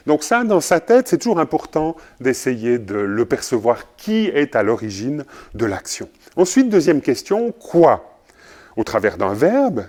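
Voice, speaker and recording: A man teaching journalism in a recorded lecture, speaking in a measured way with frequent pauses and fillers. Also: medium pitch, darkish tone. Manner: measured, often pausing with fillers. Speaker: journalism trainer.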